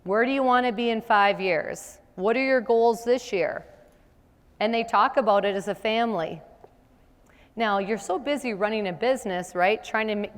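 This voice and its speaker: A middle-aged woman leads a business seminar, talking with the room in a conversational way and checking in with a quick rhetorical question. Her voice rings with a long reverb, as if caught in a large hall. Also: a little high. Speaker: seminar presenter.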